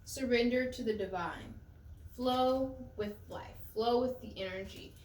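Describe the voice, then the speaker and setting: A woman's voice: a little high, a little slow, a little mellow, far from the mic, a little hiss or hum. A woman giving a casual tarot reading to her viewers in a conversational way, often repeating and restarting her phrases. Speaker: tarot reader. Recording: echoey room, voice off-mic.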